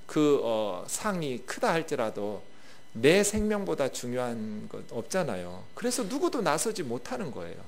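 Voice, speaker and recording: Male pastor, high and very animated sermon voice, loud-soft contrasts, talks with the pews. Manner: lively, swings between loud bursts and quiet asides, talks with the congregation.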